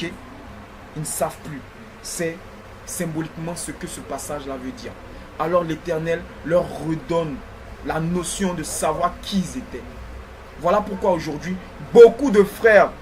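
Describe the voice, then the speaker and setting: A man's voice: high-pitched, a little hiss or hum. A man with a slight lisp teaching religious history in a didactic way, repeating phrases and checking in often.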